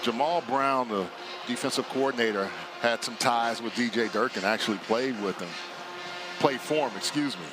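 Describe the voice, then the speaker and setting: A man's voice: mid-range voice, normal speed, over music. A man working as a football color commentator, chatty and laughing easily as he breaks down plays. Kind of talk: live sports analysis.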